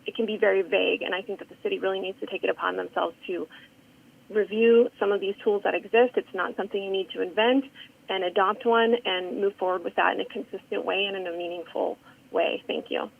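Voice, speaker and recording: A woman's voice: mid-range voice, steady tone, fairly quick, creaky. A woman calling in by phone to a council meeting, speaking earnestly with many ums and restarts. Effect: phone call. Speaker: public comment caller. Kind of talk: public comment. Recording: tinny phone line.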